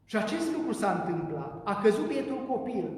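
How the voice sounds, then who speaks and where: Priest preaching in a booming, echoey church. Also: male voice, big pitch swings, a little hiss or hum. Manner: impassioned preaching, swings between loud urgency and hushed lows. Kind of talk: sermon. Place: large church. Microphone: distant from the microphone. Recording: very echoey church hall, voice from far off.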